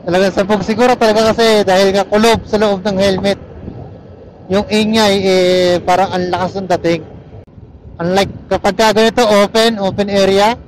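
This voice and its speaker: Talking at normal speed in a high, steady voice, a motorcycle vlogger with a Filipino accent rambles casually in Taglish while he rides. He records from inside his helmet using a helmet intercom or action camera mic. The rough recording picks up engine and road noise.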